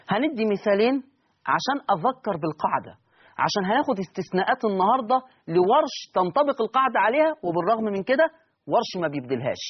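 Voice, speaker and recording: Egyptian male teacher, high voice, quizzes his class as he explains the rules, dull lo-fi recording. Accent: Egyptian Arabic. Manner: explains step by step, asks students questions and answers them himself. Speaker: Quran recitation teacher. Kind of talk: recorded lesson.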